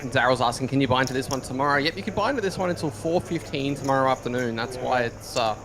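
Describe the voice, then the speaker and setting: Man, live poker commentator, mid-pitched voice, clear crowd noise behind. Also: fast talker. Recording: busy card room crowd behind. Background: poker room crowd noise.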